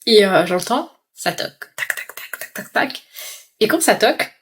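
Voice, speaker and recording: A young woman in her twenties tells a storytime vlog. She narrates in an animated, expressive way and acts out the scenes as she goes. Her voice sits at a middle pitch. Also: normal speed, a little hiss or hum. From Comoros and Mayotte. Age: 20s. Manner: animated retelling, mimes crying and pleading. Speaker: vlogger.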